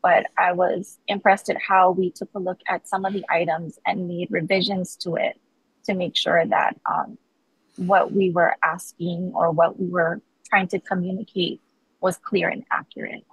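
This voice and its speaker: A woman's voice: fairly low pitch, little pitch movement, normal speed, breathy edge, no room sound, rough recording. A woman in her forties, a teacher nominee, answering questions over a video call, hesitant with many ums. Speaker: board nominee testifying.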